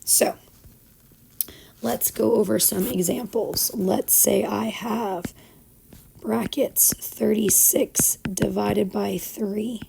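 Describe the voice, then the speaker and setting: A middle-aged woman teacher with a hoarse, swallowed, froggy voice that is giving out, explaining a recorded lesson informally and step by step. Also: medium pitch, fairly even intonation, slow pace, warm tone, slight background noise, poor audio. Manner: instructive, step-by-step. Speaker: school math teacher.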